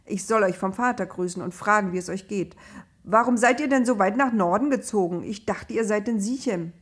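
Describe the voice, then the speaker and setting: A woman's voice: medium pitch, brisk, slightly rough, lightly acted. A woman doing a desperate young shepherd boy. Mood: friendly. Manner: pleading, cries out for help. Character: young male shepherd, naive then desperate. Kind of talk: storybook narration.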